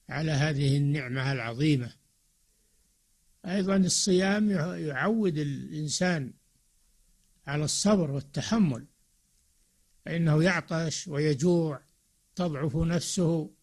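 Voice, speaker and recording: An older man, a sheikh, giving a slow and measured religious lecture with frequent pauses. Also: a little high. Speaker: sheikh giving a Ramadan talk.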